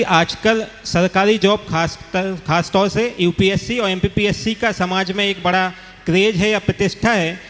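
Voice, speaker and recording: A man's voice: high-pitched, a bit bright. A man questioner earnestly and respectfully asking a monk for guidance, with formal address. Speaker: audience questioner, government officer. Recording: long hall reverb.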